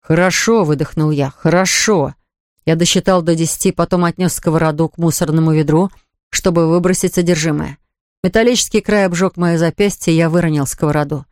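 A man's voice: a little high, steady tone, quick pace, a little mellow, no echo, studio quality. A man narrating an audiobook in the first person, reading evenly and voicing dialogue plainly. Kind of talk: scripted narration.

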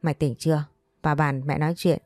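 A woman's voice: sits low, level tone, fast talker, darkish tone, no echo, studio quality, faint music behind. A woman voicing a stern, scheming middle-aged mother who scolds her son bluntly. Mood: scolding.

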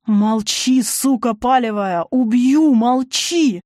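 A woman's voice: fairly high pitch, slow, no echo, pitched above the performer's own voice. Woman doing a furious mother who snarls and screams, dry close recording. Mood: shrieking. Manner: snarling, shouting. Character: furious grieving woman, harsh and shrieking.

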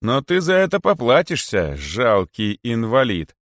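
A haughty serpent king, as a man puts him on, drawing out his words in a slow, hissing, stern way. The voice sits low and dry, close to the mic, and swings widely between cold, drawn-out threats and sudden bursts. It is a storybook figure read aloud. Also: animated, no room sound. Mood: stern command. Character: haughty, menacing male python king, ruler of boas.

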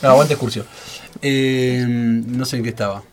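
A stand-up comedian in his thirties, with a Rioplatense Argentine Spanish accent, joins a radio show as a guest for a casual chat. He laughs often and rambles with plenty of fillers. His voice is mid-range, his intonation fairly even, and his speed normal.

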